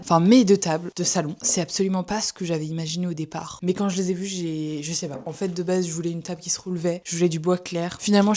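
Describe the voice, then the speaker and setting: A young woman vlogging in a casual, chatty way, self-mocking and quick to laugh. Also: lowish voice, darkish tone. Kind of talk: casual chat to camera.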